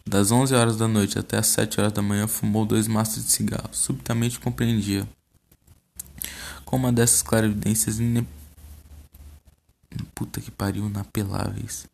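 Gravelly Brazilian man reading a story. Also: fairly low pitch, level tone, moderate pace, a little mellow. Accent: Brazilian Portuguese. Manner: casual, curses at his own slips. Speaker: podcast host. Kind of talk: reading a short story aloud.

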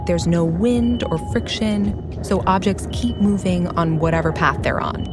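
A woman narrating a scripted documentary in an informal, explanatory way with emphatic phrasing. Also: mid-range voice. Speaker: narrator and host. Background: background music.

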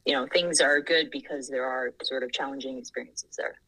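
A woman's voice: extremely low pitch, steady tone, fairly quick, pushed and bright, no room sound, low-quality recording. A woman in her thirties from Thailand, a podcast guest talking earnestly and laughing easily. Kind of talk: casual interview.

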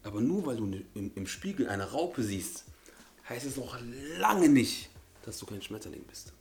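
A man's voice: medium pitch, sing-song, normal speed, a little mellow. A man in a casual motivational podcast chat, speaking emphatically and repeating his key phrases. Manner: emphatic, repeats phrases, often murmurs agreement. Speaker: podcast co-host.

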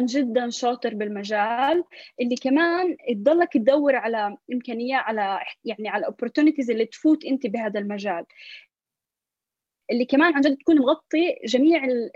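A woman's voice: sits high, quick pace, a little mellow, dry recording, lo-fi sound. A young woman with a Levantine Arabic accent talking as a podcast guest, mixing in English words and often restarting her phrases. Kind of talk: conversational interview with English loanwords.

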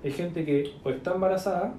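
A man with a Chilean accent coaching entrepreneurs in a loose, slang-filled chat. His voice sits a little high but sounds mellow and warm. The recording is echoey, with a faint hiss behind him. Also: fairly quick. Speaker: business mentor. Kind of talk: casual mentoring chat. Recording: echoey room.

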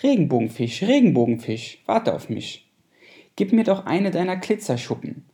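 A man's voice: high-pitched, very animated, moderate pace, dark tone, pitched above the performer's own voice. A man doing a small, pleading blue fish. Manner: pleading, eager.

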